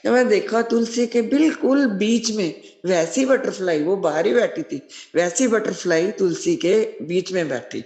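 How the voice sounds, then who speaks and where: A woman's voice: medium pitch, a little slow. A middle-aged woman sharing a devotional testimony as spoken storytelling, acting out quoted dialogue and repeating devotional refrains. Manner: animated storyteller who acts out quoted dialogue. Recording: echoey room.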